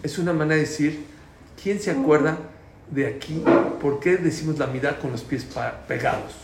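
Here a man with a slightly high voice, speaking at a moderate pace, runs a prayer class where he explains points and quizzes the students. He keeps things lively, asking questions and loudly repeating what matters most, in an echoey space with faint background noise.

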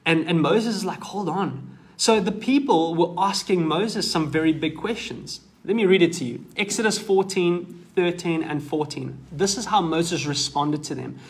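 A man preaching a sermon, earnest and measured, pausing with the odd um as he explains scripture. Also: a little high.

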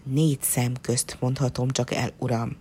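A woman's voice: a bass voice, little pitch movement, dark tone, husky, pitched below the performer's own voice. A woman voicing a poor, cunning peasant man who talks in a sly, easygoing way. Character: poor cunning male peasant, cheeky and calm.

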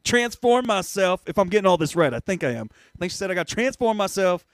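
A man's voice: sits high, expressive, fast, no echo, clean studio sound. A man co-hosting a crude comedy podcast, laid-back and joking, laughing a lot. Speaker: podcast co-host.

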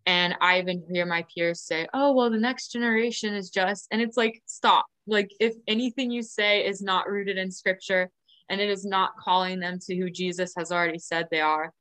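A woman's voice: mid-range voice, fairly even intonation, fairly bright tone, clean tone. Earnest woman host of a faith chat. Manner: earnest, affirming, quick to laugh. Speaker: podcast host. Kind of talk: casual faith conversation.

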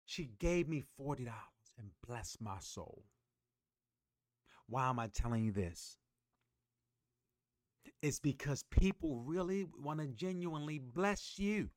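A man's voice: medium pitch, lively intonation, measured pace, long pauses, no room sound, studio quality. A man hosting a motivational podcast, preaching emphatically and calling on listeners to repeat after him. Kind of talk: motivational monologue.

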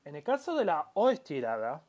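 Man teaching pronunciation, fairly high voice. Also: huge pitch swings, darkish tone. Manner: explains slowly, stretching out example words, with frequent restarts; calls himself audio-lesson maker, addresses listeners. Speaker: Japanese language teacher. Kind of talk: spoken language lesson.

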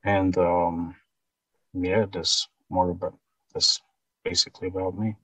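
Deep flat-voiced man on a distant call. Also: a little slow, no room sound. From Switzerland. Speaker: guest. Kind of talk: casual interview.

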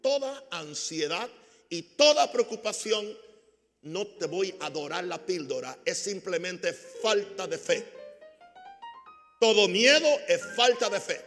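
A man preaching a sermon as a pastor, calling on the congregation to repeat after him and swinging between loud emphatic bursts and quiet asides. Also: sits high, lively intonation, slow, long reverb tail, faint music behind. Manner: preaching with call-and-response to the congregation.

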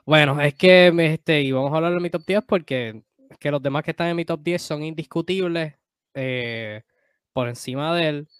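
Animado hombre puertorriqueño, sonido seco. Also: male voice, on the high side, smooth, no room sound, studio quality. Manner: animated, quick bursts, self-correcting. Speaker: podcast co-host. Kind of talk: casual sports debate.

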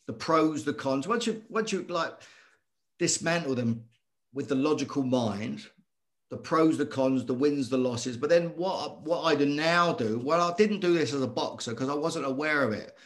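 A middle-aged man, a former boxer telling his story as a guest in earnest, animated talk that circles back on itself. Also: a little high, moderate pace. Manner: earnest, animated, repeats himself. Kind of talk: conversational storytelling.

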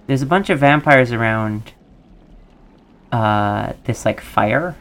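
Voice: mid-range voice, expressive, takes it slowly, fairly bright tone. A game player giving casual, musing commentary and reading dialogue choices aloud.

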